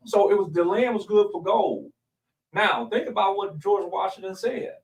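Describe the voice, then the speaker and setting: A man's voice: high voice, recorded from a distance, poor audio. A man, a pastor, explaining in a studio interview and asking rhetorical questions.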